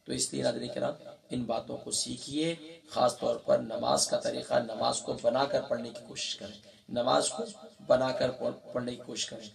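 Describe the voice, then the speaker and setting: A man teaching a religious lesson, reciting slowly syllable by syllable and explaining quickly in between. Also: mid-range voice, steady tone, creaky, recorded from a distance, crowd noise. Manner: slow drawn-out recitation spelling out syllables.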